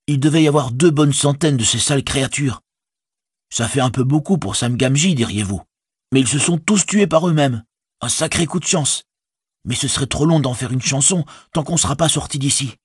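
A man's voice: mid-range voice, normal speed, breathy edge, dry recording, studio quality, voice pushed up. A man voicing a loyal, humble young hobbit servant in an audiobook, speaking in a folksy, deferential way in a raised voice. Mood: earnest. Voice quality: folksy colloquial speech, deferential. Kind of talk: audiobook character voice.

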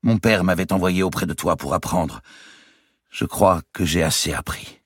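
A man's voice: low-pitched, moderate pace, slightly rough, no room sound, clean studio sound, pitched above the performer's own voice. A man voicing an angry, vengeful young man of twenty in an audiobook reading. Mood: weary. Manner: heated and resentful.

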